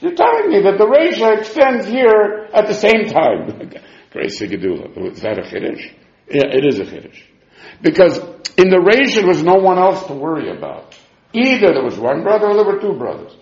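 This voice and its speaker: A man's voice: high voice, moderate pace. Man, informal Talmud-style lesson, very swooping intonation, self-questioning, roomy echoing sound. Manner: animated, sing-song questioning and answering himself. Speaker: Talmud teacher. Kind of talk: informal religious text lesson, reasoning aloud. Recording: dull, echoey room recording.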